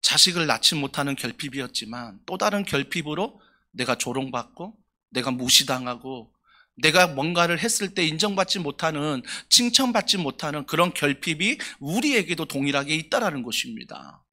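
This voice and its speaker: A man's voice: fairly high pitch, expressive, normal speed, bright, forceful tone. A male pastor preaching an emphatic sermon in a church, often asking the congregation questions. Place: church sanctuary.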